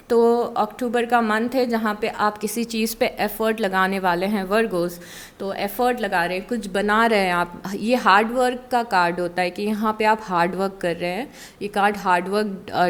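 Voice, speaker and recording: A woman giving a casual tarot reading to camera, chatty and mixing English words into her Hindi, with frequent fillers. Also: fairly high pitch. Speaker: tarot reader.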